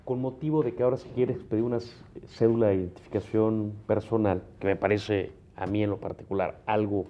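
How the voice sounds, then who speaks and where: A man's voice: fairly low pitch, fairly even intonation, brisk, dark tone, muffled recording. A Mexican man hosting a talk show who affirms his guests with short agreements before moving the conversation along. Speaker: host.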